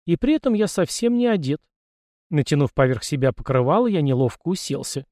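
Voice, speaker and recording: A man reading a first-person story aloud in an expressive, animated way. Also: fairly high pitch, brisk, no room sound, studio quality. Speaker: audiobook narrator. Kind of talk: first-person audiobook narration.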